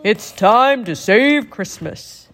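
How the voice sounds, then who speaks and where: A woman voicing a jolly, booming old Santa Claus in a storybook reading, with a hearty, slow delivery. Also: lively intonation, a bit bright, exaggerated voice.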